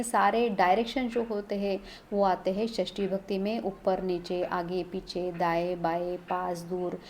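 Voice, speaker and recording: A woman's voice: mid-range voice, darkish tone, slight background noise. A woman teaching a Sanskrit grammar lesson, explaining step by step and asking and answering her own questions. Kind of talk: exam-prep grammar lesson.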